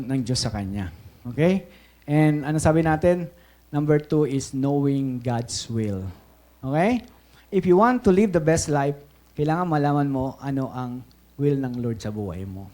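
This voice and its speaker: A man's voice: on the high side, dark tone. A Filipino man preaching a sermon as pastor, telling stories with animation, switching between English and Tagalog and often checking in with "Okay?".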